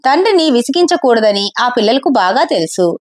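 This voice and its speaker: Woman reading a story aloud, high and very lively pitch. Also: normal speed. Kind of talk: scripted narration.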